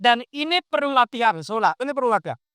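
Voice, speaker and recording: A man's voice: very high-pitched, fast, smooth, dry recording, studio quality. A man preaching an interactive sermon, asking his listeners question after question as he explains. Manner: animated, quizzes the audience with questions.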